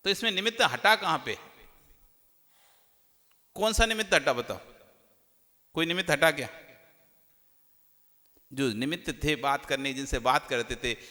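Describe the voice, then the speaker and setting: A man gives a sermon, putting rhetorical questions to his listeners and swinging from loud emphasis to hushed tones. His voice sits a little high and sounds bright and forceful. A long reverb from a large hall hangs behind every phrase. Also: unhurried, long pauses. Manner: questioning the audience directly, rhetorical, lively shifts from loud to hushed. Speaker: Jain monk preacher.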